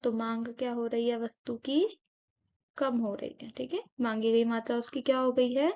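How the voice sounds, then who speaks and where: A woman's voice: fairly high pitch, little pitch movement, moderate pace, darkish tone, dull audio. A woman teaching an economics lesson, often asking rhetorical questions, answering them herself and checking in with her students. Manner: keeps checking in with "okay?".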